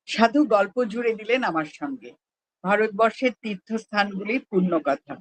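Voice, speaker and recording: A person reads a personal memoir aloud at a prayer gathering, telling it slowly and evenly. The voice sits in a plain middle register, neither high nor low, and the delivery stays measured throughout. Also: lively intonation, low-quality recording.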